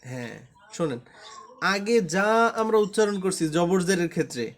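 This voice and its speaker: A man's voice: high-pitched, lively intonation, normal speed, a little hiss or hum. A man with a Bangladeshi Bengali accent teaching Quran reading in an online class, patiently repeating rules in a chanting drill for students to copy.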